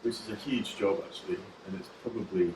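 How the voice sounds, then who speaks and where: A man chatting casually in a garage workshop about restoring a car, relaxed and rambling as he explains plans. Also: sits low, fairly quick, noisy background. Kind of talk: casual chat while working on a car.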